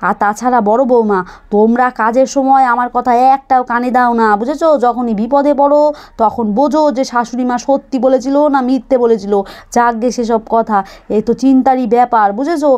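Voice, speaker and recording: A woman's voice: a little high, fairly even intonation, fairly quick, darkish tone, close to an everyday voice. A woman voicing a bossy, grumbling grandmother and mother-in-law in a doll cartoon, scolding and nagging.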